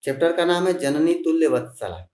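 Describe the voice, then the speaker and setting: A patient male teacher leads a class of children, slowly spelling words out piece by piece and coaxing answers. His voice sits somewhat high for a man. The room around him rings with echo. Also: a little mellow. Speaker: Sanskrit teacher. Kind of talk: online class for schoolchildren.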